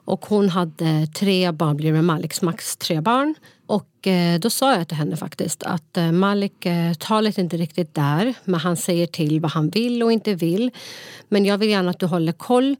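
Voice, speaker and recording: Woman telling a story with a low voice. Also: darkish tone, no room sound, studio quality. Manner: storytelling, mixes in English phrases, many fillers. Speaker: podcast co-host. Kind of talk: casual conversation.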